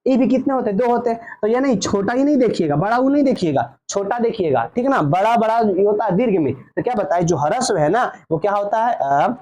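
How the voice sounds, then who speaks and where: A man's voice: high-pitched, lively intonation, fairly quick, few pauses, a little mellow. A man teaching a grammar lesson. He asks questions and answers them himself, and he draws out each vowel sound.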